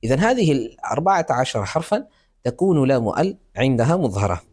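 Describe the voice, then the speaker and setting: A man teaching a Quran recitation lesson on tajweed, explaining rules and drawing out example words slowly and deliberately. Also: mid-range voice, sing-song, darkish tone. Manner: slow, deliberate examples with restarts.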